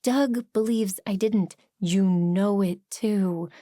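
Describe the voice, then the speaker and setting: A woman narrating a first-person cozy mystery novel, brisk and expressive, sometimes dropping to breathy whispers. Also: mid-range voice, no echo, studio quality. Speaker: audiobook narrator.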